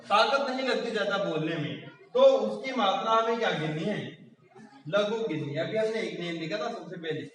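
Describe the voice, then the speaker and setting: A man's voice: sits high, fairly bright tone. A man teaching a grammar lesson, explaining step by step and quizzing his listeners with questions. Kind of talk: classroom lecture. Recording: echoey room, far from mic.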